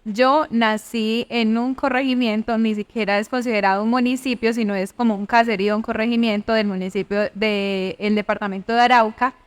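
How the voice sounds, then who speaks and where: Chatty Colombian woman with higher voice. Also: steady tone, brisk, hardly any pauses. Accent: Colombian, Santander. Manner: laughs often, chatty and playful. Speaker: podcast guest. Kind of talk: casual interview chat.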